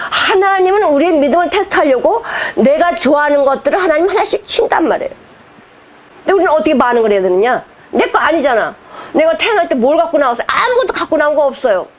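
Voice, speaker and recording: A woman pastor preaching a sermon, emphatic and direct, firing rhetorical questions at the congregation and slipping between formal preaching and casual speech. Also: sits high.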